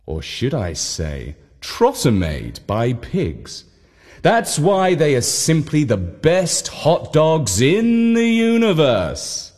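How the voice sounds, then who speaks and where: A man voicing a smooth-talking male theme park announcer in a children's story, with a slick, salesy, drawn-out delivery. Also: a little high, wildly swooping pitch, a little mellow, exaggerated voice.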